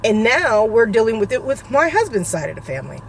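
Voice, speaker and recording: A woman's voice: a little high, very animated, gravelly, a little hiss or hum. Emotional woman vlogger fighting back tears. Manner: emotional, halting, on the verge of tears. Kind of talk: personal update vlog. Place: suburban home.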